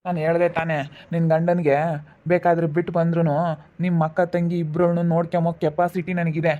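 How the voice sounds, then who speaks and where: A man's voice: on the high side, completely flat delivery, fast talker, warm tone, natural voice. A man playing a pushy, lecherous brother-in-law who coaxes and threatens in an amateur village drama. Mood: threatening. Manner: pressing, coaxing and threatening. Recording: tinny phone-like audio.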